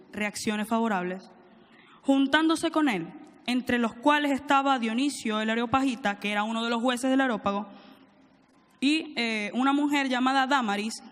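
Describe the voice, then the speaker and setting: A woman's voice: high voice, fairly bright tone, long reverb tail. A woman preaching a sermon, reading scripture aloud and prompting the congregation to call back answers. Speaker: preacher, church teaching director.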